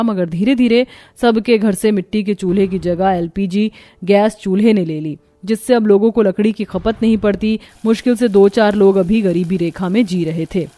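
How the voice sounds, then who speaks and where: A woman's voice: mid-range voice, dark tone, no room sound. A woman narrating a scripted story in a sympathetic storytelling tone.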